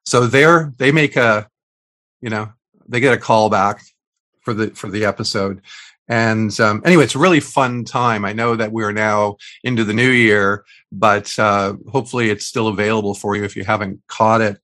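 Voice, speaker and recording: A man's voice: lowish voice, moderate pace, a bit bright. Rambling middle-aged male podcast co-host. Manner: rambling, many fillers and restarts, chuckling. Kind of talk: casual chat. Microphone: video call.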